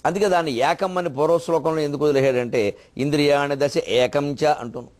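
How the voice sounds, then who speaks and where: A man's voice: on the high side, steady tone, darkish tone. A man giving a devotional discourse as a spiritual lecturer, explaining the meanings of words in a teacherly manner. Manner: teacherly, explains word meanings, chants verses slowly.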